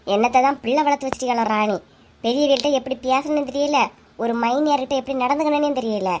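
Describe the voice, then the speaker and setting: A harsh, domineering cartoon mother, voiced by a woman who scolds curtly in a Kanyakumari accent. The voice stays high but pushed down and stern. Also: steady tone, fast talker, darkish tone, slight background noise, close to an everyday voice. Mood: scolding. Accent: Kanyakumari Tamil. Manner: scolding, curt.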